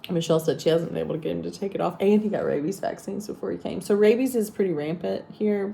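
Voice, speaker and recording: A woman's voice: on the low side, gravelly, mellow. A woman vlogging in casual chat, rambling and teasing as she talks about her day. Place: hotel room abroad.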